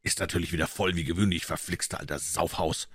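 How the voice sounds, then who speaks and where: Audiobook boy: superstitious, trembling with fear, whispering low, read by a man. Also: fairly even intonation, fast talker, fairly bright tone, breathy edge, dry recording, studio quality. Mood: fearful. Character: superstitious, fearful ragged boy. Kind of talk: audiobook character voice.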